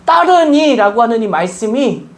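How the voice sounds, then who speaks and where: A guest pastor, a woman with a slightly high voice and wide pitch swings, preaches at a church service at normal speed. She tells stories earnestly and emphatically, repeatedly putting questions to the congregation.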